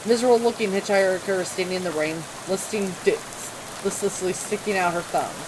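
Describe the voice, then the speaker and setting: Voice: medium pitch, brisk. A let's-play gamer commenting playfully and reading game dialogue aloud. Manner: animated, jokey, reads dialogue aloud. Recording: rain noise behind.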